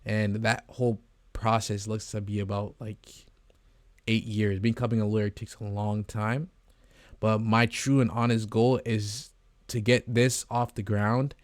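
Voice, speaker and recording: An eighteen-year-old Canadian vlogger and agency co-founder rambles earnestly to camera in a casual talking-head vlog, full of fillers and restarts. His voice is on the low side and a little mellow, recorded dry.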